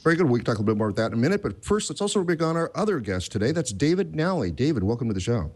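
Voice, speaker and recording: A man's voice: medium pitch, very animated, very fast, a little mellow. A man hosting a tech podcast in casual chat, rambling and self-deprecating, with many restarts. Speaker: podcast host.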